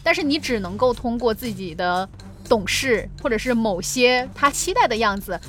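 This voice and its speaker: A woman's voice: fairly high pitch, expressive, moderate pace, fairly bright tone, soft background music. A woman co-hosting a podcast who talks in a reflective, confiding way during casual chat. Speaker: podcast co-host.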